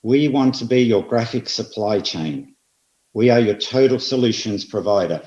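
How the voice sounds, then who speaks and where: An Australian man presenting at an industry seminar, speaking in a measured way and hitting repeated phrases with emphasis. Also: mid-range voice, animated, darkish tone. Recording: roomy, slightly dull audio.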